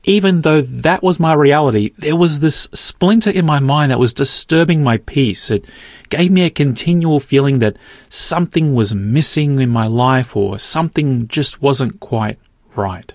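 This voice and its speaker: A middle-aged man reads his podcast narration in a measured, earnest way. His voice sits at an ordinary pitch. It is recorded dry and close, with no room sound. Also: a little mellow, dry recording. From Australia. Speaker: podcast host. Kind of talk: scripted narration.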